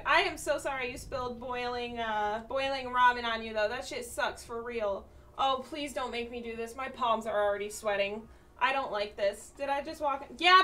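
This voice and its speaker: A woman streamer with a high, bright voice chats loosely through her gameplay, swearing freely and bursting into loud outbursts. She sounds a little off-mic, with faint game music playing behind her. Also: distant mic. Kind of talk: casual gameplay chat.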